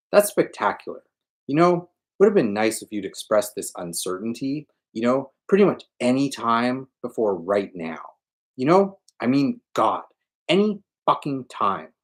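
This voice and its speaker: A man voicing a volatile, foul-mouthed young man who shouts and rants in a raised, strained voice. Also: mid-range voice, very animated, unhurried, slightly rough, voice pushed up. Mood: ranting.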